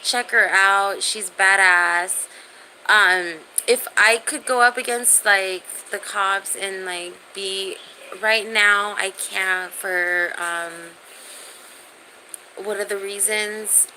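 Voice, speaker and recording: This is a streamer in her thirties whose medium-pitched voice carries fairly even intonation, a slow pace, and a bright, forceful tone. She chats casually with viewers, reading their comments and peppering her talk with slang and profanity. The recording is rough, with faint background noise.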